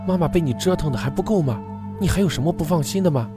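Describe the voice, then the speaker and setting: A man's voice: on the high side, animated, quick pace, over music, voice pushed up, natural voice. A male storyteller voicing a frightened, grieving young village sister who pleads and accuses through tears. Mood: pleading.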